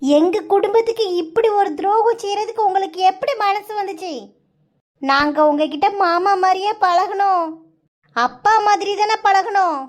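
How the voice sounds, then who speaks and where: Indignant cartoon village mother voiced by a woman; very high, reproachful, southern Tamil Nadu accent. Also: moderate pace. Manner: reproachful, scolding.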